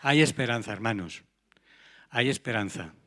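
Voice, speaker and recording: A man's voice: mid-range voice, expressive, normal speed, a bit bright. Earnest male preacher. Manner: earnest, rhetorical questions to the congregation. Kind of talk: sermon.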